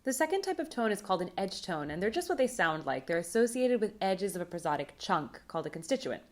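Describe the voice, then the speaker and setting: A woman presenting a recorded academic conference talk on linguistics, explaining terms in a clear, measured way. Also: mid-range voice, big pitch swings.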